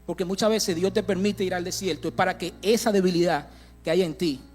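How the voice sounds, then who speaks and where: A man's voice: sits high, fairly even intonation, fairly quick, a little mellow, faint music behind. A young man preaching a sermon, telling a personal testimony in a conversational way, with frequent restarts and direct asides to the congregation. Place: church sanctuary.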